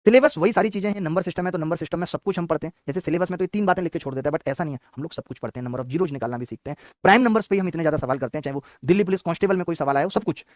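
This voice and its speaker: Man, math teacher, live online class, very fast, high-pitched, urging, close dry mic. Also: dry recording. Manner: rapid, exhortative lecturing.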